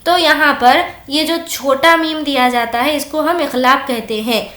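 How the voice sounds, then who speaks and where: A woman teaching tajweed, explaining each rule plainly and then reciting the words slowly and drawn out. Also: high voice, pushed and bright, echoey room. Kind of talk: slow word-by-word recitation lesson.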